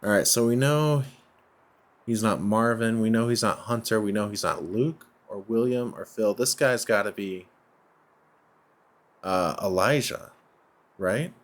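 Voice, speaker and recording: A man with a lowish voice talks a little slowly, leaving long pauses, as he gives easygoing let's play commentary. He reflects aloud and second-guesses himself often while background music plays.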